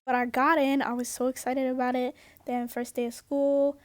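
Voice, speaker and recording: A young woman from Japan chatting casually through a get-ready-with-me story time, slangy and upbeat with quick asides. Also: sits high, flat delivery, no echo. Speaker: vlogger.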